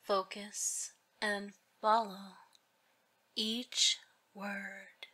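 Slow whispering woman guiding hypnosis. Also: medium pitch, level tone, sharp tone, breathy edge. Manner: slow, soothing, drawn-out phrases. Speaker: hypnosis guide.

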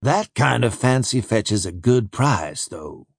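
A man voicing a courteous, calculating slave buyer who drawls slowly and politely. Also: medium pitch, animated, creaky, slightly rough, no echo, clean studio sound, heavily acted.

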